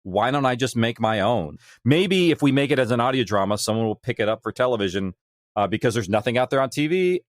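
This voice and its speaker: Speaking at a quick pace in an animated, medium-pitched voice, an audio drama creator of roughly thirty to forty-something describes his creative work as an interview guest, explaining it through storytelling. The recording is dry.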